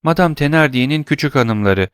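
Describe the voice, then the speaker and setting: A man's voice: a little high, lively intonation, a little fast, smooth, no echo, studio quality, pitched above the performer's own voice, lightly acted. A man voicing a timid, obedient little girl in an audiobook, answering with short polite replies. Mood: meek. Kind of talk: audiobook character reading.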